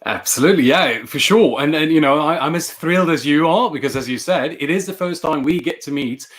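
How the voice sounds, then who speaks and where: A man's voice: a little high, a little fast. A man in his thirties from Sweden, a native Swedish speaker, talking earnestly as a coaching guest on a video call and repeating words as he thinks. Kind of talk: casual video-call interview. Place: bright room at home.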